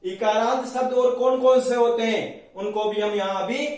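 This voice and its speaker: A man teaching Sanskrit grammar, slowly drilling and reciting word forms for his students. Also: extremely high pitch, fairly even intonation, a little mellow. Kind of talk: classroom lecture with recitation. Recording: very echoey room, voice from a distance.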